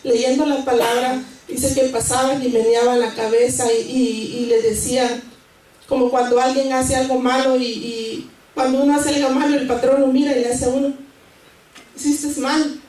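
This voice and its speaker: A woman gives a church sermon, earnest and a little nervous, stumbling and restarting as she reads scripture aloud. Her voice is mellow and fairly high. She is heard from a distance in a very echoey church hall with faint background noise. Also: little pitch movement, normal speed. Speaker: church member giving a sermon. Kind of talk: church sermon with Bible reading. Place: church sanctuary.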